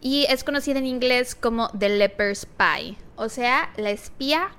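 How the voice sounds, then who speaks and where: A woman co-hosting a podcast in easy, casual chat, laughing often between points. Her voice is bright and sits a little high. She talks in a friendly, chatty way. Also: a little slow, clean tone. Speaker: podcast co-host.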